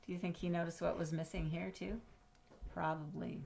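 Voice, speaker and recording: A woman with a fairly low, gravelly voice reads a storybook to children, lengthening important words and pausing for effect. Now and then she steps away from the text to ask questions or explain a word, with slight background noise present.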